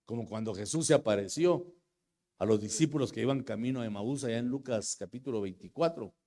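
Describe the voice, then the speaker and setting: A middle-aged man preaches from the pulpit. His sermon drifts between soft, close storytelling and loud bursts of exclaimed praise. His voice sits at an ordinary male pitch. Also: brisk. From Guatemala. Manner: swings from hushed storytelling to loud shouted praise. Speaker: pastor.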